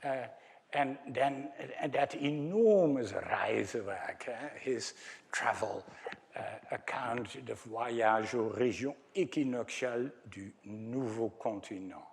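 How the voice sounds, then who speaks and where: A Dutch-accented man gives a conference lecture in a gravelly, mid-range voice at a slow pace. He hesitates a lot, fills gaps with fillers, and tosses wry asides to the audience like the academic he is.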